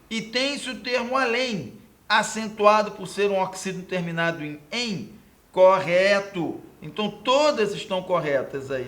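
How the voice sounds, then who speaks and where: A high-voiced man from Brazil walking through exam questions as a Portuguese teacher. He explains each answer patiently, points things out on the board and keeps checking in with his students. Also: fairly bright tone. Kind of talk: exam question walkthrough lesson.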